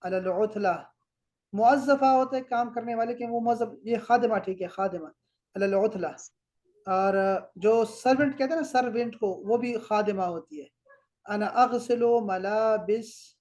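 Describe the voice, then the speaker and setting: Pakistani Arabic teacher, patient and repetitive. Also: male voice, sits high, darkish tone. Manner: explains word by word, repeats words slowly. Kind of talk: correcting homework in class.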